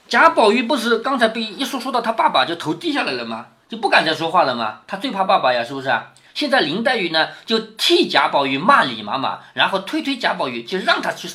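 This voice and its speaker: A bright-toned man, middle-aged, reads a classic novel to his daughter and stops often to explain it. His pitch rises and falls a lot as he asks "right?" and acts out the quoted lines. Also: wildly swooping pitch, fast, few pauses. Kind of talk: explaining story to a child.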